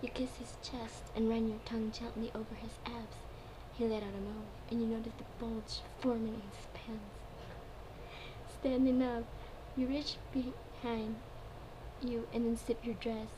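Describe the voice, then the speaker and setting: Woman, higher-pitched voice, fairly even intonation, amateur dramatic story reading, stumbling delivery, background noise. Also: unhurried. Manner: stumbles over words and repeats phrases. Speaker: fan fiction reader. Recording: clearly noisy home recording.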